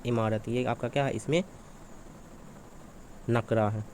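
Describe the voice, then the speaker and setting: A male teacher working through exam questions, asking each one aloud and answering it himself, over and over. His voice sits at an ordinary middle pitch. A faint hum runs underneath the recording. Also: steady tone, measured pace, darkish tone. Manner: repetitive, asks and answers his own questions.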